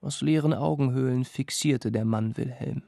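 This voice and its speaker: A man narrating a fairy tale with measured, dramatic telling. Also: medium pitch, creaky, warm tone, dry recording, clean studio sound. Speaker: storyteller.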